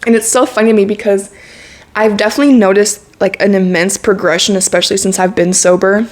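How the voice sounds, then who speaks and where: A vlogger in her twenties speaks to camera in a casual, reflective monologue, candid and earnest, using slang and laughing frequently. Her voice is medium-pitched with fairly even intonation, and she talks fairly quickly.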